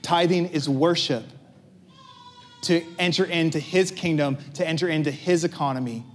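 Man, thirties, pastor, conversational sermon, high voice. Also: normal speed. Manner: lively, conversational, self-joking.

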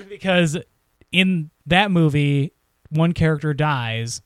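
A man's voice: on the high side, animated, slow pace, dry recording. A man co-hosting a podcast, chatting casually and joking, swearing now and then. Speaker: podcast co-host. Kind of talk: casual chat.

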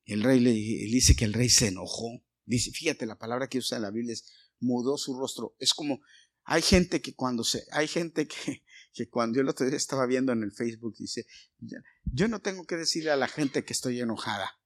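A middle-aged man with a Mexican Spanish accent preaching a sermon, retelling a Bible story, going from hushed asides to loud bursts. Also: medium pitch. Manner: storytelling with many pauses, swings from hushed to loud.

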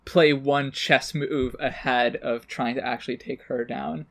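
A man's voice: mid-range voice, fairly even intonation, a little slow, gravelly, fairly bright tone. A man co-hosting a podcast in casual chat, talking in an enthusiastic, playful and rambling way, full of fillers. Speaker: podcast co-host.

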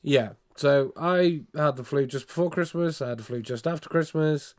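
A Scottish man co-hosting a casual chat podcast, his voice husky and nasal from a heavy cold, a bunged-up man flu sound. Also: fairly high pitch, moderate pace. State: ill with a cold: congested, blocked nose, cough, "man flu". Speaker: podcast co-host.

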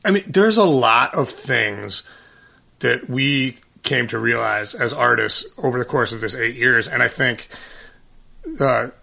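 A guest who sings in a band chats casually, rambling with lots of fillers and restarts. His medium-pitched voice is gravelly with a sharp edge, and he keeps a measured pace.

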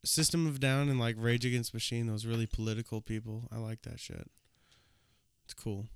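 A man's voice: mid-range voice, fairly even intonation, fairly quick, clear, resonant tone. A man co-hosting a casual late-night podcast, laid-back and jokey. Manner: laid-back, jokey, sings snatches of songs. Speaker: podcast co-host.

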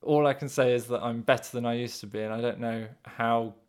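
A man chatting on a podcast in an unhurried, searching way. His sentences stall and restart while he hedges and corrects himself, his voice sitting at an ordinary middle pitch. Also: fairly even intonation, smooth. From England. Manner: halting, hedging, self-correcting. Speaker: podcast co-host. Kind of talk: casual podcast chat.

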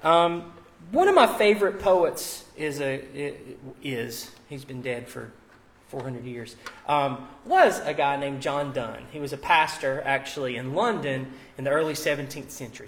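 This pastor has a medium-pitched, gravelly voice with a fairly bright tone, and he takes his time. At a live church service he delivers a conversational sermon, explaining things informally and dropping in casual asides.

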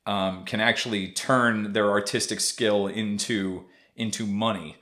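A man's voice: on the low side, fairly even intonation, a little slow, a bit bright. A man hosting a casual podcast interview, rambling through his questions with many restarts and easy laughter. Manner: rambling, full of fillers and restarts, laughs easily. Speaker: podcast host.

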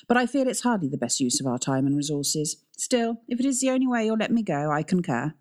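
A woman's voice: fairly low pitch, sing-song, fairly quick, a little mellow. A woman reading a storybook, voicing a restless, defiant male caretaker who speaks with agitation. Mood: impatient. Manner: restless, impatient. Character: agitated man, defiant caretaker, deep-toned.

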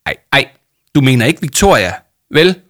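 A man's voice: a little high, gravelly, dry recording, studio quality, pitched above the performer's own voice. A man reading aloud voices Jane, a nervous schoolgirl who stutters when upset. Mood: panicky. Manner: anxious, stuttering.

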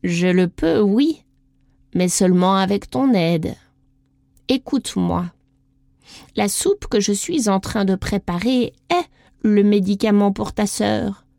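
An old priestess, calm and mysterious, as a woman reads her, asking riddles in slow, measured words. The voice sits a little low and dark, and the recording is dry and close. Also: gravelly, no echo. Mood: solemn. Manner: slow, solemn riddling speech.

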